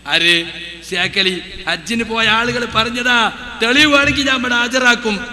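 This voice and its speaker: A man's voice: very high voice, a little slow, bright, forceful tone. A man preaching polemically, mocking his rivals with rhetorical questions. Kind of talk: polemical religious speech. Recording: reverberant hall.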